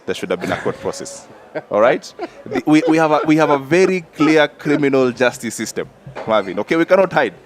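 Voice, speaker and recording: A man's voice: mid-range voice, big pitch swings, fairly quick, crowd noise. A man co-hosting a political talk show, arguing emphatically and pressing his points with repeated checks like "all right?". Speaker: podcast co-host. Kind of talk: political debate.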